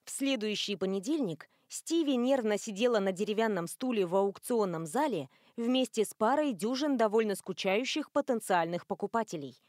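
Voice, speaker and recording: A woman reading an audiobook as narrator in an even, clear storytelling manner. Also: mid-range voice, normal speed, few pauses, dry recording, clean studio sound. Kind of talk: scripted narration.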